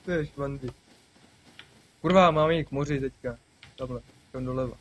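Husky young man gaming, excitable banter. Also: mid-range voice, rough recording. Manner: excitable, swears, laughs often. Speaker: gaming channel host. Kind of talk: casual let's-play banter.

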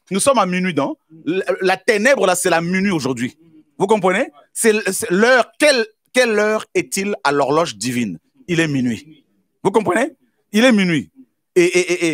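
A man preaching a sermon as pastor, with repeated exclamations and bursts of shouting. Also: a little high, no room sound.

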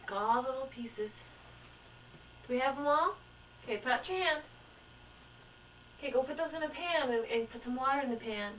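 A woman in a casual home video, gently coaxing a small child through pretend cooking. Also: high voice, expressive, moderate pace, long pauses, far from the mic, slight background noise, poor audio. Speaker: family member playing with a toddler. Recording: home video camcorder tape from off the mic.

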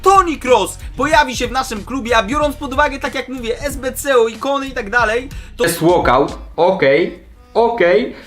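A man with a hoarse, sore throat giving eager, exclaiming commentary as a gaming channel host. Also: extremely high pitch, lively intonation, moderate pace, a bit bright, soft background music. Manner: eager, exclaims at each card. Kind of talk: excited pack-opening commentary.

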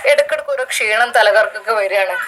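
A woman's voice: medium pitch, quick pace, noisy background, lightly acted. A woman with a Malappuram accent voicing a weak, weary sick wife who pleads in a tired, resigned way, in a spoken story. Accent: Malappuram Malayalam.

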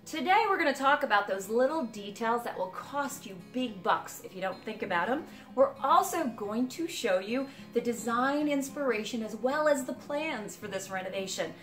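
A woman in her forties, a realtor, presenting a home renovation series to camera in a clear, upbeat scripted style from a house under construction. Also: fairly high pitch, expressive, moderate pace, few pauses, soft background music.

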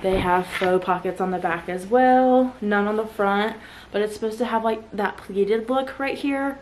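A woman's voice: mid-range voice, a little slow, low-quality recording. A woman vlogging casually from a guest bedroom at home, chatty and full of filler words, with a sore throat and a cough drop in her mouth. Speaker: lifestyle vlogger. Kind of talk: casual chat.

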